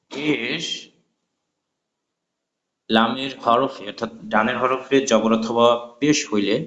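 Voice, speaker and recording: A man teaching a Quran recitation class, patiently spelling out letters and vowel marks, then chanting the words slowly. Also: medium pitch, fairly bright tone. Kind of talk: spoken lesson with chanted examples. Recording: echoey, dull lo-fi room recording.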